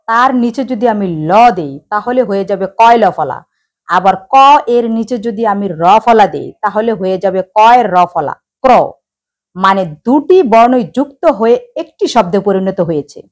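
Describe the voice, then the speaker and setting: A woman's voice: mid-range voice, a little mellow. A woman teaching Quran reading, addressing viewers directly and sounding out letters one by one. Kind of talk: slow instructional explanation.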